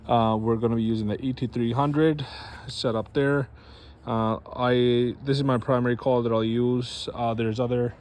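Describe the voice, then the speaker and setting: Mellow-voiced male dog trainer, casual. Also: medium pitch, a little hiss or hum. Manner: loose, chatty, addresses viewers as guys. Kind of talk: casual instructional demo.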